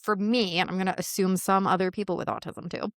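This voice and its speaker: A woman's voice: medium pitch, steady tone, fast, dry recording. A woman with a mid-range voice speaks as a podcast guest, candid and blunt, and laughs often as she talks. Her voice is recorded close and dry. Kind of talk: casual interview chat.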